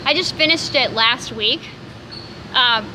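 Holding her phone at arm's length outdoors by city buildings, a woman in her thirties casually vlogs, rambling with fillers and restarts. Her voice is on the high side and slow, with a noisy background.

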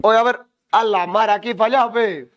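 A man with a Peruvian Spanish accent, teaching chemistry with a voice pitched very high for a man. He jokes and teases his students with nicknames as he solves problems aloud. The sound is dry and close, with no room echo. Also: moderate pace. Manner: joking, teasing students with nicknames. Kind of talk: online class lecture.

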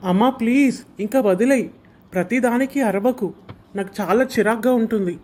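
A man's voice: extremely high pitch, a little fast, a little mellow. A young man playing a spoiled, selfish rich son who talks back rudely and dismissively, in an amateur short drama. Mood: annoyed. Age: young adult. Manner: dismissive, rude, whiny.

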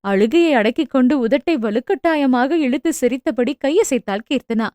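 A woman narrating a novel as an audiobook in a steady, expressive storytelling voice, close to the mic. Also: high-pitched, normal speed, no echo. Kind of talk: scripted narration.

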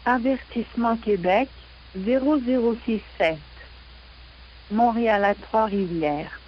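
A woman reading navigation warnings in a measured, even announcer delivery over a VHF marine radio broadcast. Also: fairly high pitch, muffled recording, slight background noise.

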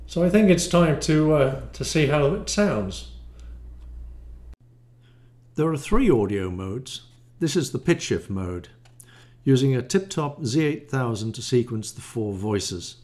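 A man with a mid-range, somewhat dark voice explains and demonstrates a product he designed himself. As the module's designer, he gives an explanatory product-demo narration from a small room at home.

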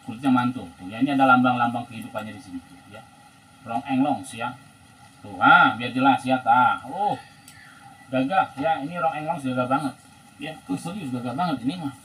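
A man in his thirties with a Sundanese accent, giving a casual, chatty market-hawker sales pitch full of repeated tags. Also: a little fast, fairly bright tone. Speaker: second-hand bag seller. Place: indoors in a room piled with bags. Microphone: phone propped at about arm's length or further. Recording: noisy room, phone recording.

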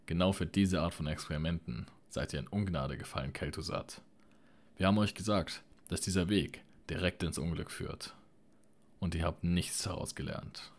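A man's voice: very deep voice, moderate pace. Man voicing an indignant young sorceress. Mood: outraged. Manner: sharp, outraged delivery.

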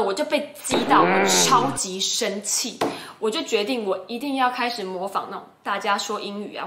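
A woman's voice: mid-range voice, background noise. Taiwanese woman vlogger with a Taiwanese Mandarin accent, emphatic and upbeat in delivery, recorded in an echoey room. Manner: emphatic, chatty, encouraging. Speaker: YouTuber and English-language host. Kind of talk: casual talk to camera. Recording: roomy echo.

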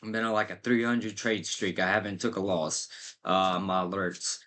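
A man's voice: low-pitched, level tone, normal speed, a bit bright. A man giving a casual, rambling update to his viewers, with many fillers. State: has the hiccups. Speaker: crypto channel host.

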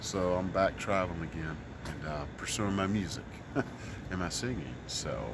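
Middle-aged man from Mississippi, street musician, earnest and rambling; outdoor city park recording with clear street noise. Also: sits low, normal speed. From Mississippi, US South. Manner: earnest, rambling, many fillers. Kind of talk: casual street interview.

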